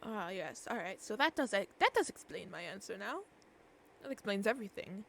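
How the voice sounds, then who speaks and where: A woman's voice: medium pitch, sing-song, brisk, gravelly, fairly bright tone. A woman streamer speaking in character during game role-play, hesitant and searching for words as she goes. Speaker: streamer playing a shopkeeper character.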